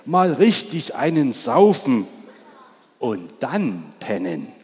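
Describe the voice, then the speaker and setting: A man voicing a boozy, lazy ox in a fable, loud and coarse. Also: medium pitch, sing-song, takes it slowly, husky, exaggerated voice. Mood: rowdy. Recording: long church reverb.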